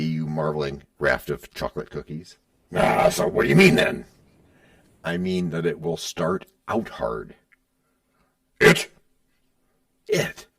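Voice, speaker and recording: Playful gravelly-voiced male podcast host. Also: extremely low pitch, distant mic. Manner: playful, switching between his own voice and a sidekick. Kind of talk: scripted comedic banter with himself.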